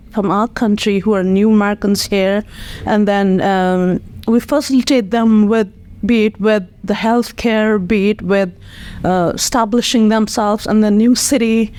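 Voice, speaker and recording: Nepali-accented woman, smooth clear voice. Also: medium pitch, steady tone, moderate pace, darkish tone. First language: not English. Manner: earnest, many fillers and restarts. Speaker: nonprofit executive director. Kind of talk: podcast interview answers.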